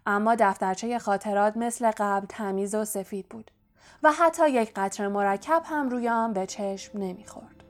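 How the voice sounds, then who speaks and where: A woman narrating a children's fantasy audiobook in an even, measured reading. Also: mid-range voice. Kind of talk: scripted story narration.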